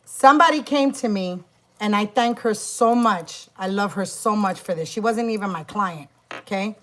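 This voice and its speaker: Bright-voiced woman venting emphatically. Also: medium pitch, normal speed. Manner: emphatic, profane, many restarts. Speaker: spiritual practitioner and YouTuber. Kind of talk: casual vlog storytime.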